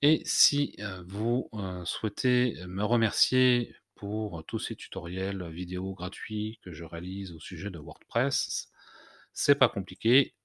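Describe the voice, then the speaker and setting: A man hosting a screen-recorded software tutorial, explaining step by step with many hesitations and restarts. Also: low-pitched, a little slow, no echo, studio quality. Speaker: tutorial host.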